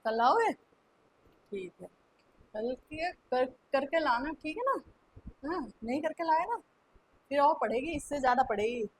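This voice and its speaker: A woman's voice: sits high, lively intonation, measured pace, pauses often, slight background noise, rough recording. A woman acting a strict female schoolteacher in a staged classroom skit, nagging and repeating herself as she keeps demanding answers. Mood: scolding.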